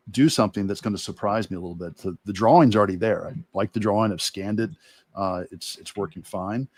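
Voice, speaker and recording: This illustrator thinks aloud while he works, delivering casual instruction in loose, broken remarks. His voice is lowish, and the recording has no room sound.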